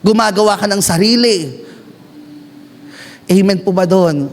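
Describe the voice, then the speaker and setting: A Filipino man preaching a sermon, mixing Tagalog and English, calling out to the congregation and acting out prayers. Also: a little slow. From Philippines. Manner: switches between Tagalog and English, calls out to the congregation; shifts pitch often, acts out prayers and asides. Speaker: pastor. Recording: long hall reverb.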